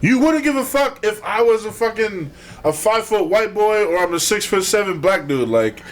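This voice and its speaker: A man's voice: high voice, normal speed. A young man, a podcast co-host, telling a date story in casual chat, swearing and acting out what was said. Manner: storytelling, animated, swearing, acts out quotes.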